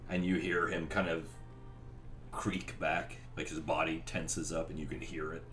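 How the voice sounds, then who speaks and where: A man running a tabletop horror fantasy game, narrating scenes informally in descriptive, drawn-out dramatic phrases. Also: very deep voice, level tone, fairly bright tone, soft background music. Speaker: game master.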